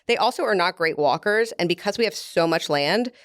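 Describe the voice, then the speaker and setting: A woman with a lowish voice talks through her work in a relaxed interview, going into detail and breaking into easy laughs. The sound is close and dry, with no room around it. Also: a little fast, no echo. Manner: explains at length, laughs easily. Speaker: guest from a beef producer. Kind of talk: casual interview talk.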